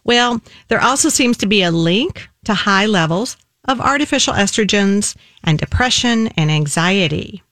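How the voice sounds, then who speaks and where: A woman hosting a radio talk show as a nutritionist, talking in a measured, conversational way. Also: mid-range voice, fairly bright tone, no room sound, clean studio sound.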